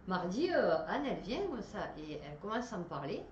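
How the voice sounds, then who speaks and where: A woman's voice: medium pitch, big pitch swings, a little fast, lo-fi sound. A woman telling a personal story in a chatty, rambling way, with many fillers. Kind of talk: casual storytelling. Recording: roomy echo, faint background noise.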